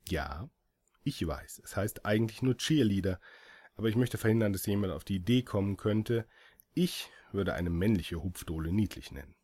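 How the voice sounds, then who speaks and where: Man, audiobook narrator, first-person story, dry ironic tone, fairly low voice. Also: lively intonation, normal speed, a little mellow. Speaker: audiobook reader.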